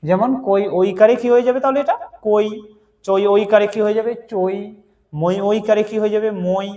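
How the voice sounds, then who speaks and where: A man's voice: high voice, fairly even intonation, moderate pace, dark tone. A man teaching Bengali vowel signs, asking a question and answering it himself, then chanting examples one after another.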